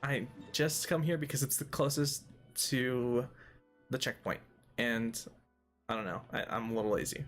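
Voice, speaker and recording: A man hosts a let's play with casual, rambling commentary, cracking jokes and talking to the game's characters. His mid-range voice is steady and a bit bright at normal speed, over soft background music.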